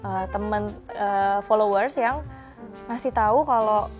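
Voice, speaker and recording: A woman's voice: medium pitch, unhurried. A woman chatting informally to viewers as a channel host, answering questions and making announcements. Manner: chatty, informal, speaks directly to friends watching. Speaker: automotive presenter and channel co-host. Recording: music behind the voice. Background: background music.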